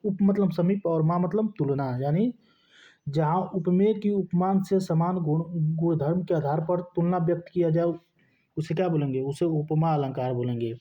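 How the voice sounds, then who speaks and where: Man, teacher, fairly high voice, asks and answers own questions, muffled lo-fi recording. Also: moderate pace. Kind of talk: Hindi grammar lesson. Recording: dull lo-fi recording.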